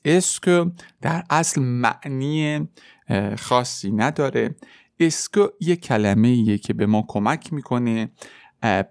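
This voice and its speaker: Man slowly drilling French example sentences. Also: medium pitch, no echo, studio quality. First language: Persian. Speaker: French teacher. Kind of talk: podcast language lesson.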